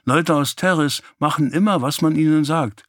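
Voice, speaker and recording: A man's voice: a little high, normal speed, fairly bright tone, no room sound, voice pushed up, close to an everyday voice. A cheeky, mischievous young boy who talks back eagerly, voiced by a male narrator. The voice is lifted above the narrator's own and recorded dry and close.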